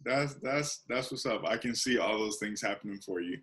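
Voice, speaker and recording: A man hosts an interview podcast in a bright voice that sits a little low. He keeps things laid-back and playful and keeps affirming what his guest says. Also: normal speed. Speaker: podcast host. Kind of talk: casual interview chat.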